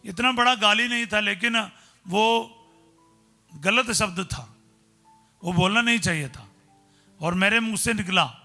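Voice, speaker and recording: High bright-voiced priest preaching. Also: male voice, measured pace, long pauses, faint music behind. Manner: storytelling preacher, simple conversational Hindi, exclaims hallelujah. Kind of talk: sermon with personal stories.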